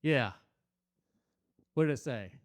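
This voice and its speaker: A man's voice: medium pitch, animated, takes it slowly. Crude rambling man doing stand-up. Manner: crude, rambling, talks to the crowd; puts on loud silly voices for quotes. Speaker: stand-up comedian. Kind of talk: stand-up comedy set. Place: small venue stage.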